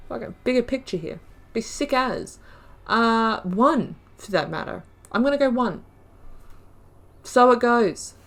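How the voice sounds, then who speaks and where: Her voice is a little high, with lively intonation and a measured pace, as she provides let's-play commentary for her gaming channel. She thinks aloud while playing, drifts off topic, corrects herself partway through sentences and throws in casual slang.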